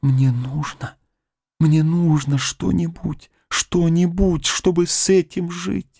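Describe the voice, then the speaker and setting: A man's voice: medium pitch, unhurried, creaky, dark tone, dry recording, studio quality, pitched above the performer's own voice. A man reading the part of a grieving young woman who mourns her dead fiancé, pleading and tearful. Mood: desperate. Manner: pleading, tearful, rising to cries. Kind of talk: audiobook character reading.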